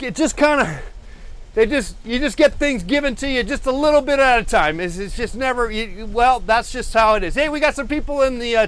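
His very high voice comes across a bit bright, clear, and resonant. On a treadmill in a cluttered studio, he hosts a live painting stream over a lapel mic, chatting in a rambling, self-mocking way with lots of fillers and restarts.

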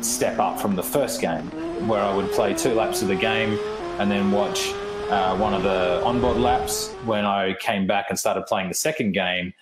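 A man, a rider and journalist, giving relaxed interview answers full of fillers. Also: fairly low pitch, a little slow, over loud music. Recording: echoey room, faint noise.

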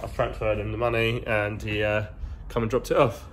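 A man's voice: lowish voice, little pitch movement, normal speed, a little hiss or hum. A man in his twenties chatting casually on a vlog while walking through a big garage workshop. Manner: chatty, rambling, slangy. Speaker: car vlogger. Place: large indoor garage workshop. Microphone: phone held at arm's length.

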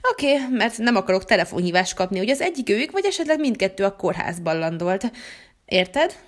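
A woman's voice: mid-range voice, sing-song, voice pushed down, natural voice. A woman voicing a caring mother in a toy-figure story, fussy and admonishing. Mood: fussing.

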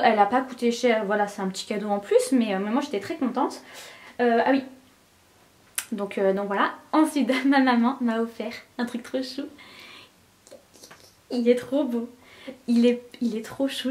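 Chatty young woman with a high voice. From France. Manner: chatty, enthusiastic, gushing with frequent fillers. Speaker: beauty vlogger. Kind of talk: casual vlog chat.

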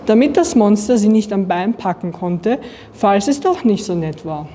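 Young woman, from Austria, student, picture book reading, calm, mellow voice. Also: mid-range voice, moderate pace, a little hiss or hum. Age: young adult.

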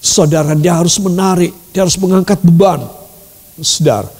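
A man in the pulpit delivering a dramatic sermon, his high voice leaping and dropping in wide swings as he calls out to the congregation. He moves from loud bursts to hushed asides. The long reverb of a large hall hangs on every phrase. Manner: keeps addressing the congregation directly, with English words mixed in. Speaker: pastor. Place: church service hall.

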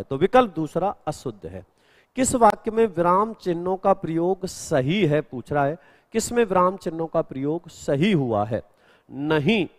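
A man's voice: high-pitched, in a large hall. A male Hindi grammar teacher in a live exam-prep class, explaining answers step by step and answering students' questions.

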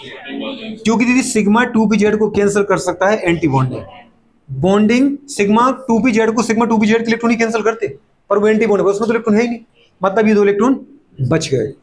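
A chemistry teacher with a high-pitched male voice lectures his class in quick bursts, repeating his own catchphrases and firing off questions. He playfully scolds and teases students who get things wrong, often answering for them in a mock student voice. There is slight background noise.

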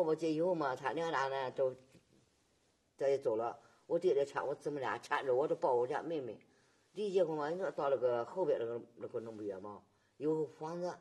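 A woman, recounting her memories in halting, repetitive testimony and often asking her listener whether they follow. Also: deep voice, darkish tone, husky. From Nanjing, China. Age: 80s. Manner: halting, repetitive storytelling with frequent tag questions. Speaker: survivor giving testimony. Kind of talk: oral history testimony.

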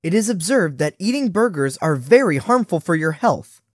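Brief: woman voicing a formal newscaster, lively pitch, dry. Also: normal speed, no echo. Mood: deadpan. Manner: formal announcing. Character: deadpan TV news announcer.

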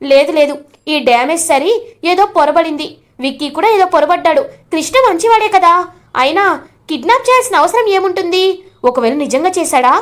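A woman voicing a middle-aged family woman wondering aloud in disbelief, in a high voice. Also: lively intonation, fairly quick. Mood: puzzled.

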